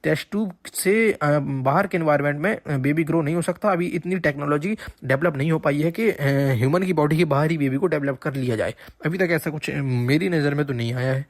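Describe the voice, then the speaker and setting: A man's voice: a little high, fairly quick, few pauses, no echo, studio quality. Patient man teaching a lecture. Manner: explains patiently, repeats key points, checks understanding. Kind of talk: exam-prep lecture.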